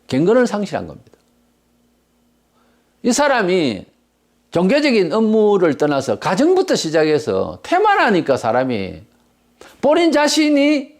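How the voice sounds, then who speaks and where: Male pastor, sermon delivery, blunt and forceful, with an extremely lively melody. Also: high voice. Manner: emphatic, blunt, rhetorical questions.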